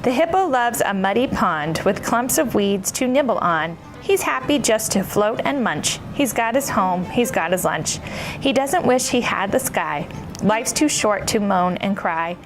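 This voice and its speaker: A woman's voice: mid-range voice, animated, measured pace, over music, poor audio. A woman hosting a children's story time, playful and bubbly like an entertainer for young listeners. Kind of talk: children's story time chat and read-aloud.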